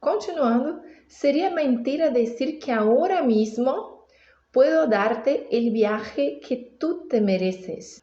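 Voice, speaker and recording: A woman's voice: fairly high pitch, a little mellow. Patient woman teaching, echoey room. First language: Portuguese. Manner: patient, repeats words slowly for practice. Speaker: Spanish teacher. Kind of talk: explaining song lyrics in a language lesson. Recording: echoey room, slightly dull sound.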